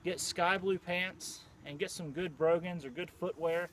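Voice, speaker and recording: Relaxed man, outdoor camera talk. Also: sits high, unhurried, a little hiss or hum. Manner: relaxed and conversational, frequent "uh" fillers. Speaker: Civil War reenactor showing his uniform. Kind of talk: casual show-and-tell to camera.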